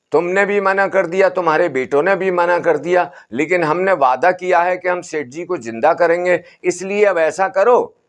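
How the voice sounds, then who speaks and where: A man's voice: high voice, voice pushed up. A man voicing a stern, wily old holy man who keeps repeating his commands.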